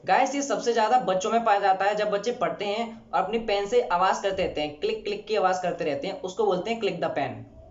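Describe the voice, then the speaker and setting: Man teaching vocabulary, deliberate repetition of examples, reverberant room, dull audio. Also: sits high. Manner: repeats each English example slowly and deliberately. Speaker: English teacher. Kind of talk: vocabulary lesson. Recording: roomy, dull lo-fi recording.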